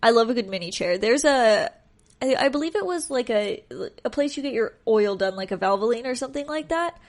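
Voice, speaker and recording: Higher-pitched woman with a congested, pinched-nose voice. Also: animated, fairly quick. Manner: chatty, joking, self-deprecating. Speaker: podcast host. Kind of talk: casual solo podcast chat.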